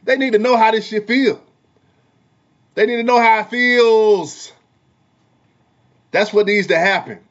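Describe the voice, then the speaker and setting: A man who is a parent and a barber, talking heatedly in a casual commentary vlog, repeating himself in a preachy way and swinging between loud and soft. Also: high voice, measured pace, pauses often, lo-fi sound. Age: adult parent. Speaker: vlogger and barber.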